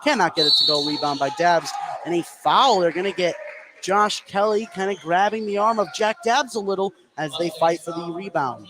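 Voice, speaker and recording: A man calls a basketball game live on radio at a moderate pace, his voice rising into shouts on big plays. The audio is poor, with a crowd and clear gym noise from an indoor high school gymnasium behind him.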